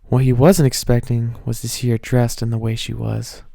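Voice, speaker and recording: A man's voice: mid-range voice, little pitch movement, moderate pace, creaky, dark tone, dry recording, studio quality. A man giving an amateur dramatic reading of fan fiction, with amused asides. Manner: breaks character with amused asides.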